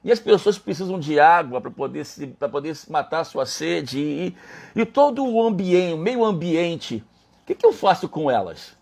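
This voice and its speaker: A man's voice: fairly high pitch, very animated, moderate pace, gravelly, darkish tone, exaggerated voice. A man voicing God as a patient, reasoning male divine voice inside a spoken testimony. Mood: gentle.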